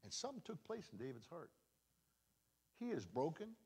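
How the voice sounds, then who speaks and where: A man preaching a sermon in an animated storytelling manner, his voice sitting a little high and leaping up and down in pitch. He swings between loud, driving moments and hushed passages as he tells the story. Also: moderate pace, husky. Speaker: guest pastor.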